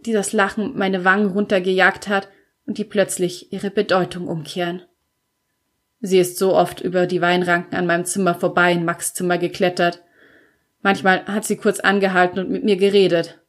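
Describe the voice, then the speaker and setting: Woman narrating a first-person audiobook. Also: medium pitch.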